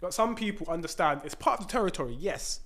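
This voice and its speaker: A young man with an urban London roadman accent, arguing in a heated casual debate, insistent and quick to cut in and repeat himself. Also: high-pitched, lively intonation, a bit bright. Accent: London, urban roadman slang. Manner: argumentative, insistent, repeats and interrupts.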